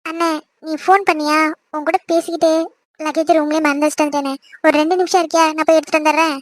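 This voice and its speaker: A woman voicing an emotional young married sister in an animated cartoon, pleading and tearful. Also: high voice, dry recording, clean studio sound, close to an everyday voice. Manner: pleading and tearful, quick chatter.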